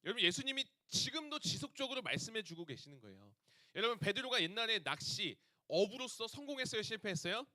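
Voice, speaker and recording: Lively youth preacher, man, high voice. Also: fast talker, dry recording. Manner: lively, asks the audience questions. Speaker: youth pastor. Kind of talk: sermon to teenagers.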